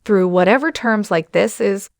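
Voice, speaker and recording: A woman talks straight to her viewers in loose, opinionated commentary, padding her points with fillers. Her voice sits at a middling pitch. It is recorded dry and close, with no room sound. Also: normal speed, dry recording. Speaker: channel host. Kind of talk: casual commentary.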